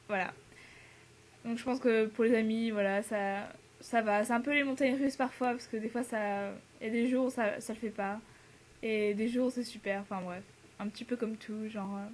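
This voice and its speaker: A teenage French girl studying abroad talks casually to the camera in a slightly high voice. There's a little hiss or hum, and her speech is full of fillers, laughter and English mixed in.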